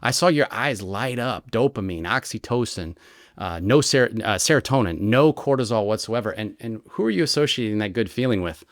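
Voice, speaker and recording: Lowish american guy, retired agent, explaining stuff with lots of examples, dry close sound. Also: a little fast, no echo. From United States. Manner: animated storyteller, explains with examples and rhetorical "right?". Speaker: retired federal agent, interview guest. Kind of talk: conversational explanation.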